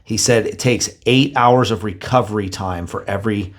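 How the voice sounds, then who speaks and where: A man's voice: on the low side, moderate pace. A man co-hosting a podcast in casual chat, laid-back, swearing casually and rambling through explanations. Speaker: podcast co-host.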